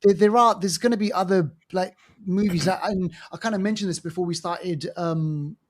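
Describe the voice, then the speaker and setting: A man's voice: high-pitched, normal speed. A man co-hosting a film podcast, chatting casually and filling his talk with "you know". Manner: chatty, animated, frequent "you know" fillers. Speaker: podcast co-host. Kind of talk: casual chat.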